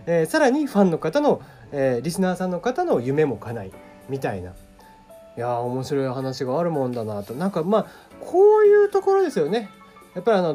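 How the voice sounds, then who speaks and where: Reading listener questions on his casual solo web radio talk, a man rambles on with plenty of fillers and animated rises and falls in pitch. Underneath his standard speech there's a slight mix of regional lilt.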